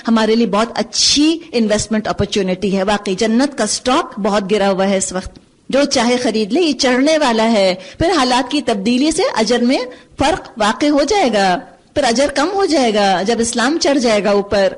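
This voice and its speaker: A woman giving a Quran commentary lecture, earnest and full of rhetorical questions, slipping English phrases into her speech. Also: on the high side. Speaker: Quran teacher. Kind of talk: tafseer lecture.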